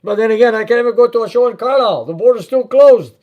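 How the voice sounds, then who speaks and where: A man from Canada with a rather high voice hosts a casual live stream from his repair shop. He works as a mechanic and answers viewer comments plainly. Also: quick pace, highs cut off. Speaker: host and mechanic.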